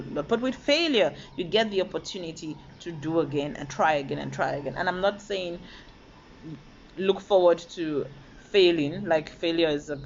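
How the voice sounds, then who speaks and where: A woman from Nigeria giving a motivational talk, telling personal stories in an animated way and acting out the voices she quotes. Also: medium pitch, dull audio, slight background noise. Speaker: motivational speaker.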